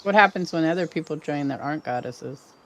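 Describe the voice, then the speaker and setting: An older woman streams a video game in a low, slightly fast voice. She chats casually and rambles, often trailing off mid-sentence.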